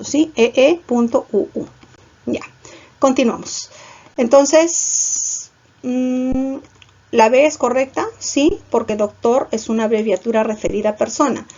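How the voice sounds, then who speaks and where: A woman's voice: on the high side, a little mellow. A woman teaching a class, explaining each point step by step and checking in with her students. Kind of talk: online class lecture. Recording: dull lo-fi recording.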